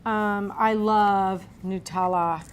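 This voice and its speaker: A cooking show host from Cape Cod, who also spent part of her childhood in Berlin in a US military family, walks through each step of a casual demo with folksy asides. Her medium-pitched voice is slow and fairly even, and there's noticeable room noise in the background.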